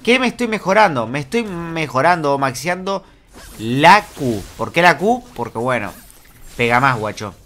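A young Argentine man talks over his own match in a voice pitched a touch high, explaining each move in a rush. He stays excitable throughout and swears casually as the game unfolds. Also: normal speed. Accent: Argentine Spanish. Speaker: gaming YouTuber. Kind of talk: live gameplay commentary.

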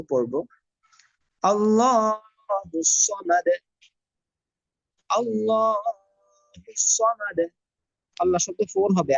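A woman teaching a religious recitation lesson, drawing the recited verses out slowly between quicker explanations. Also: fairly low pitch, creaky, a little mellow, slightly rough, no room sound. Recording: dry, dull lo-fi audio.

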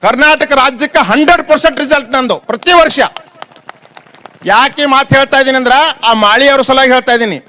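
A man's voice: very high voice, brisk, sharp tone, rough recording. A man giving a sermon as a swamiji, with a North Karnataka Kannada accent, telling stories and asking the audience rhetorical questions. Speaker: swamiji giving a public talk.

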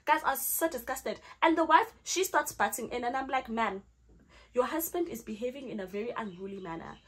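Brisk and a little high, with a slightly rough edge, the voice belongs to a young South African vlogger who speaks Zulu. She tells a storytime story animatedly, playing out her own lines.

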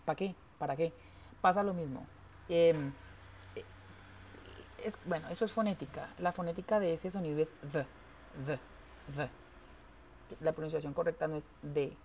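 Woman english teacher, low gravelly voice, drags out words to show how they sound, bit of background hiss. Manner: repeats words slowly to model pronunciation; switches between English and Spanish. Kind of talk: online English class.

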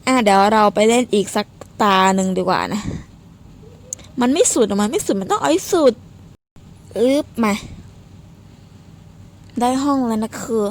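A woman giving casual gameplay commentary, excitable and playfully swearing, squealing at her game. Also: a little high, normal speed, pauses often. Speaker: game streamer.

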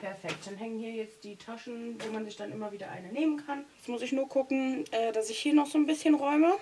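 On a wide-angle camera set on a stand, a young woman tidies a small storage room at home and talks through each step in a chatty, laugh-filled clean-with-me style. Her voice is on the high side, warm and brisk with fairly even intonation, and there's slight background noise.

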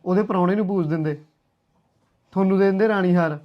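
A man's voice: high-pitched, fast talker, muffled recording, natural voice. An actor playing an angry grown son who argues bitterly with his mother in a short film drama. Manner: bitter, confrontational.

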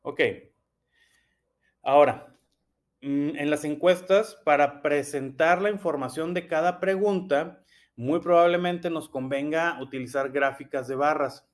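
A man's fairly high voice, teaching young pupils in a patient classroom manner. He goes over each point slowly and again, checking often that they follow. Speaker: primary school teacher. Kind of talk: explanatory classroom lesson.

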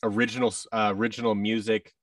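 This audio drama creator in his thirties is a podcast guest talking casually over a video call from an indoor room, animated as he acts out the exchanges he quotes. He's a fast talker with a fairly low voice. Though he has a boom-arm microphone with headset, he sounds far from it, with no echo.

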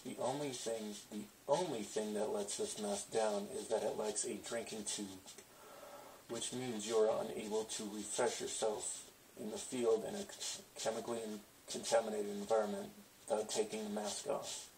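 A man speaks through a gas mask, his low voice muffled and held on a flat, even line. He sounds set back from the microphone, with a faint hum of room noise underneath. He talks casually and eagerly, with plenty of fillers, like a collector showing off his gear. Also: moderate pace, distant mic. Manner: enthusiastic, rambling with fillers. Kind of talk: casual product review.

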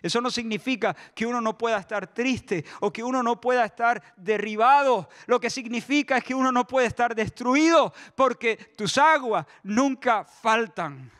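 A man from Spain, preaching a sermon in a church, impassioned, shifting between shouts and soft asides. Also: very high-pitched, normal speed, few pauses. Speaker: pastor.

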